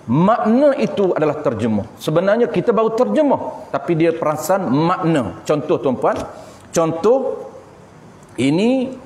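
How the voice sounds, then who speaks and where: A man's voice: on the high side, a little mellow. A man with a Malaysian Malay accent teaching a religious class, explaining terms patiently and asking and answering his own questions. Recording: echoey hall with faint background noise.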